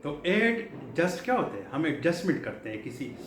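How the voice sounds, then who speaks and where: A man's voice: fairly high pitch, big pitch swings. A middle-aged man from Pakistan teaching English vocabulary in a classroom lecture style, explaining patiently and repeating key words with frequent fillers. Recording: echoey room, faint background hum.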